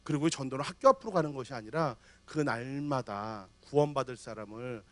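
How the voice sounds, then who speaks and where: Animated Korean pastor preaching. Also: male voice, mid-range voice, a little fast, no echo. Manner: animated storytelling, acts out people with loud bursts. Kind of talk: lively sermon at a leadership seminar.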